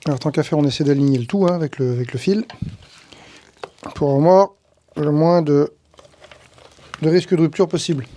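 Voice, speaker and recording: Against slight background noise, a man who does tree work leads a conversational tutorial, explaining each step and thinking aloud as he handles the gear. His voice is on the high side and warm, with a moderate pace and long pauses.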